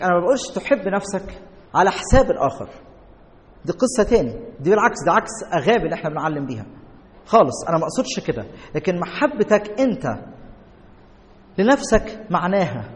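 A man with an Egyptian Arabic accent preaching a sermon as a pastor, emphatic and slowing down to stress key words. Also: high-pitched. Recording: long reverb of a large hall.

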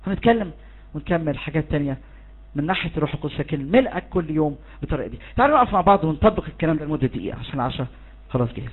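Fast, fervent Egyptian preacher, husky. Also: male voice, a little high, lively intonation. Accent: Egyptian Arabic. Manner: fervent, urges the listeners on and leads shouted declarations. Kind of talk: charismatic sermon. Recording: tinny phone-like recording.

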